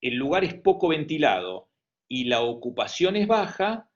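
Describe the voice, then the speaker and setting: A man's voice: fairly high pitch, big pitch swings, moderate pace. Man lecturing with Argentine Spanish accent. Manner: hesitant, many fillers and restarts. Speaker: medical lecturer. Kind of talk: online lecture. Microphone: video call. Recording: dull lo-fi online call audio.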